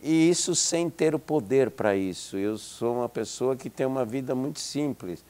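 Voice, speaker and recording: Warm in tone and mid-range in pitch, the voice of this seventy-something Israeli psychology professor moves at a moderate pace. A native Hebrew speaker, he reflects as an interview guest, hesitating often with restarts and fillers.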